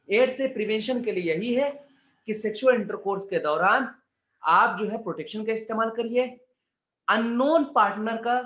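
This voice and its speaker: In a slightly dull recording from an echoey room, a man with a high, a bit bright voice teaches exam prep. He stays chatty and informal, tosses in jokes and asides, and calls his students "beta."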